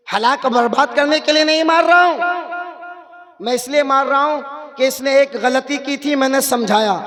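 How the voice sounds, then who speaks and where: High-voiced man preaching with crowd. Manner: rises to loud shouting. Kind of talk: sermon. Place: stage at a religious gathering.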